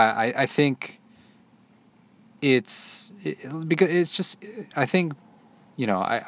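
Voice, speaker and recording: A young man in his twenties talking casually to the camera, loose and halting, with many restarts and fillers. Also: mid-range voice. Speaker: solo vlogger. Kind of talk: casual rambling monologue.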